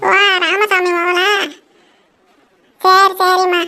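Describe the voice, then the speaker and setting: A woman voicing a slow, scolding old village aunt in a cartoon. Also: very high voice, monotone, pushed and bright, pitched above the performer's own voice, full character voice.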